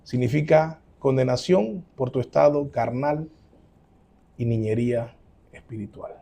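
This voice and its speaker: Gravelly-voiced pastor preaching emphatically. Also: male voice, medium pitch, unhurried. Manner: emphatic preaching with quoted voices and sudden loud rises. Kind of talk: sermon; closing prayer.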